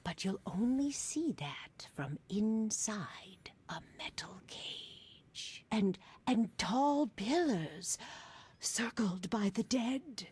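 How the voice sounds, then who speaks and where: Slow, mysterious fortune teller. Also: female voice, mid-range voice, animated, darkish tone, breathy edge, full character voice. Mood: ominous, prophetic. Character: eerie, teasing woman fortune teller. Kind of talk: video game character acting.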